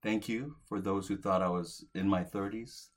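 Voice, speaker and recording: A pastor in his forties preaches an earnest sermon, rising to emphatic peaks and softening at phrase ends. His voice is low with fairly even intonation at a moderate pace.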